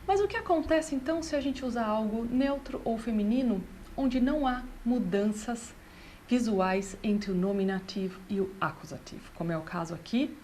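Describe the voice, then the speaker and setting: A woman, a language teacher patiently explaining grammar and slowing down to read out example sentences. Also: a little high, mellow, slight background noise. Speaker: German teacher.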